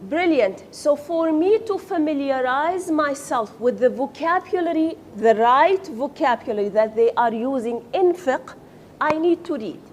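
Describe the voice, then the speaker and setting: An Arabic-speaking woman leads a classroom lesson in a high, expressive, unhurried voice, quizzing the students and praising what they answer. There's a little background noise.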